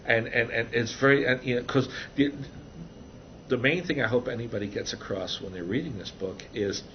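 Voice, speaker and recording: At a normal pace and medium pitch, an older man discusses his book on computer animation in a casual interview. His speech is full of fillers and restarts, captured on a dull, slightly noisy recording.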